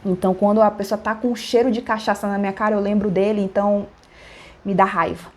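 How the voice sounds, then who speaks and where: A woman's voice: medium pitch, fairly even intonation, fairly quick, a little mellow. A woman, a former pharmacist, chatting casually with viewers as she tells a story from her old job. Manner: chatty, slangy, addresses the viewers directly.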